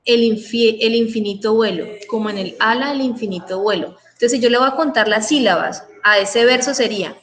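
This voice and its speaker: A woman's voice: fairly high pitch, brisk, few pauses, a bit bright, low-quality recording. A Colombian woman teacher, middle-aged, patiently explaining verse to students in an online class and checking that they follow. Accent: Colombian Spanish. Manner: patient, checks understanding with frequent questions.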